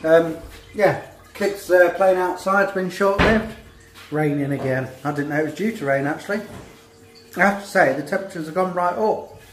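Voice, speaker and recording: A man's voice: a little high, moderate pace. Casual man in his thirties, home vlog, phone at arm's length in a small kitchen, faint noise behind. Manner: chatty, rambling, addresses viewers as guys. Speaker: vlogger. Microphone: phone held at arm's length.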